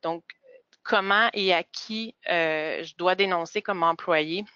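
A woman presents a webinar, measured and full of hesitations. Her voice sits a little low and comes through dull, lo-fi and very dry. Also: pushed and bright, smooth, no room sound.

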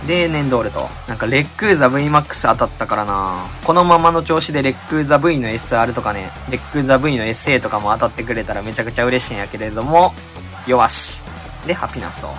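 A man with a Kansai accent chatting casually as he opens card packs, reading out each card and crying out in excitement at good pulls. His voice has been a little out of shape lately. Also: mid-range voice, quick pace, soft background music. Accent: Kansai Japanese. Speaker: channel host. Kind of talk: casual card-pack opening commentary.

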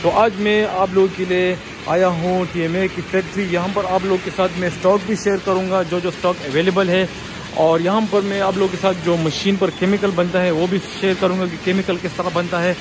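Holding his phone camera, a vlogger with an Urdu-speaking Pakistani accent tours a machine-filled indoor workshop, casually explaining every step of the factory process. He has a high voice with little pitch movement, talks at normal speed, and repeats "you can see" as he points, over a noisy background.

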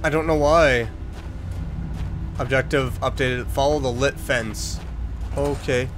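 A man's voice: mid-range voice, steady tone, takes it slowly, over music. A young man commentating a horror game let's play, joking around and exclaiming when startled. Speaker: gaming YouTuber.

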